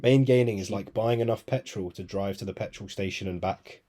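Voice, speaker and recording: A man's voice: fairly low pitch, a little fast, mellow. A young man co-hosting a podcast, chatting casually and telling stories with plenty of laughs. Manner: laid-back, laughing storyteller. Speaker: podcast co-host. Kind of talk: casual chat.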